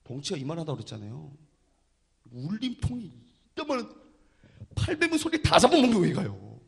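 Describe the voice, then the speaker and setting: A man preaching a sermon and telling his story with drama, dropping from loud to hushed. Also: sits high, wildly swooping pitch, a little fast, vocal fry. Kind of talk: sermon testimony.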